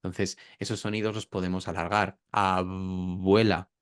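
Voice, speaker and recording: A man appears as an interview guest and pronunciation teacher, giving explanatory talk about pronunciation. He demonstrates sounds by drawing out words. His voice is on the low side at a moderate pace, in a dry, studio-quality recording.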